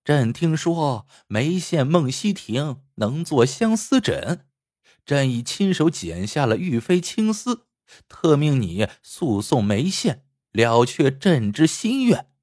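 A man voicing an imperial eunuch who reads out an emperor's edict in a slow, drawn-out proclaiming tone. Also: on the high side, sing-song, darkish tone, no echo, clean studio sound, full character voice. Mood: solemn.

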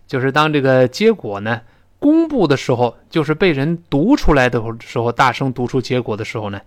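A man teaching a spoken English lesson, explaining phrases and modelling pronunciation slowly. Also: no room sound, clean studio sound. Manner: lively explanatory teaching, rising to high pitch for emphasis.

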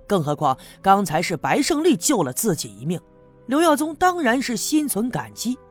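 A man tells a serialized story in a lively way. His pitch swings widely and his voice is slightly husky. Faint music plays behind him. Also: normal speed. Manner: animated, storytelling. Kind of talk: serialized audiobook narration.

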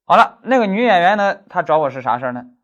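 A man's voice: high voice, sing-song, fast, a bit bright, highs cut off. A man giving an exam-prep law lecture as a lecturer, telling stories animatedly with stammered repeats.

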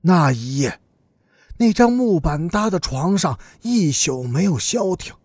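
Slow, husky male storyteller. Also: big pitch swings, darkish tone, dry recording, studio quality. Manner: slow, deliberate, dramatic storytelling with deep dips for menace. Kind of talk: serialized audiobook narration.

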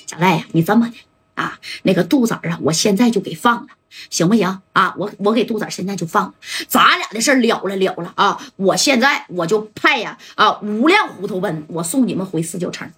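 A woman's voice: medium pitch, expressive, a little fast, a bit bright, slightly rough. A woman voicing an anxious male gang boss with a Northeastern Chinese accent, stammering as he begs another man. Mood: pleading. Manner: begging, stammering appeals.

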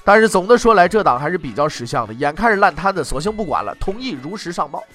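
A man's voice: a little high, big pitch swings, fast, a bit bright, faint music behind. A man telling history in traditional comic storytelling style, with wry, mocking asides.

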